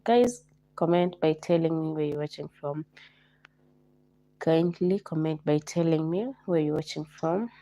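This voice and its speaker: A Kenyan woman hosts a live online show, her voice low and mellow. She keeps repeating her greetings and coaxes viewers to like the stream and comment. The sound is close and dry. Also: a little slow, no echo, lo-fi sound. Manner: repetitive, coaxing viewers to like and comment.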